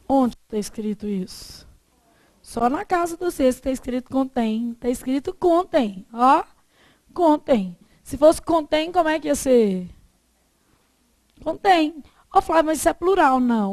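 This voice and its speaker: A woman's voice: sits high, a little mellow, dry recording. A Brazilian woman teaching a Portuguese class, putting questions to her students and answering them herself. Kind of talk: classroom lesson on exam questions.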